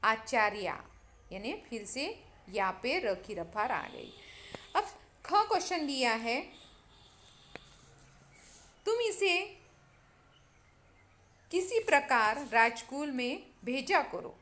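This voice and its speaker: A female teacher with a high-pitched, very animated and slightly bright voice gives a grammar lesson. She speaks slowly, spelling words out one syllable at a time and addressing her students directly.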